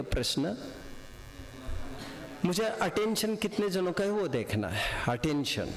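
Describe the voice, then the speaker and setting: A man teaching a class of students, quizzing them and repeating his questions, mixing in English words. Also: fairly high pitch. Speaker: religious teacher. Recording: echoey hall with long reverb.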